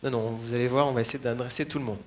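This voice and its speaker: A man's voice: mid-range voice, steady tone, very fast, darkish tone, slight background noise. A man opening a conference presentation in a casual way, talking straight to the audience. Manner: casual, addressing the audience directly.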